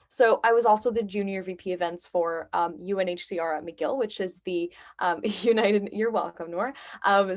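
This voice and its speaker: A young woman from Lebanon, a university student, talking about campus life in an upbeat, chatty way over a video call. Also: on the low side. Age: young adult. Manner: chatty and upbeat, many fillers. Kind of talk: casual talk on a video call.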